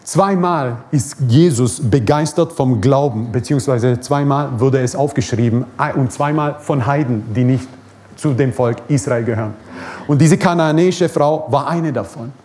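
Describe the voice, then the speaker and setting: A man's voice: medium pitch, moderate pace, darkish tone, slight background noise. A man preaching a sermon at a church service, emphatic, repeating his key phrases and chuckling now and then.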